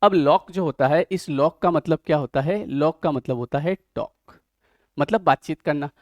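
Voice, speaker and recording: A man's voice: a little high, moderate pace, no room sound. A man teaching a vocabulary lesson, often asking questions and explaining words through everyday examples.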